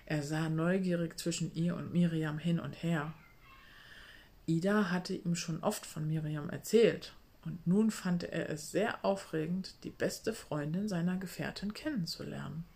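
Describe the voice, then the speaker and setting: A woman calmly reading a children's book aloud. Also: fairly low pitch, a little slow, breathy edge.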